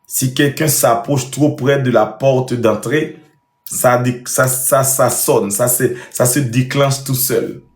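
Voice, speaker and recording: A man's voice: medium pitch, steady tone, slow pace. Emphatic man in a roomy space. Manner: emphatic, repeats himself. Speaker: live stream host. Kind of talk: casual live chat. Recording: roomy echo.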